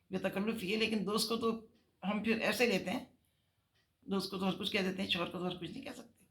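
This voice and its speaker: A woman's voice: mid-range voice, fairly bright tone. An older woman giving earnest, emphatic marriage advice on a talk show.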